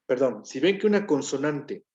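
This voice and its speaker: A man's voice: mid-range voice, big pitch swings, moderate pace, darkish tone, lo-fi sound. A man teaching a grammar lesson, explaining step by step and often checking in with his listeners. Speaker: Hebrew teacher.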